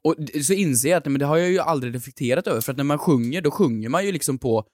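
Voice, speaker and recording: A man's voice: on the high side, lively intonation, darkish tone, no room sound, studio quality. A young man co-hosting a podcast in casual chat, joking and laughing often. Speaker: podcast co-host.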